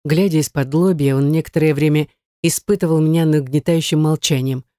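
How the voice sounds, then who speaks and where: A woman reading a first-person novel aloud in a dramatic, expressive way, close to the mic. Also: low-pitched, a little fast, dry recording. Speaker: audiobook narrator.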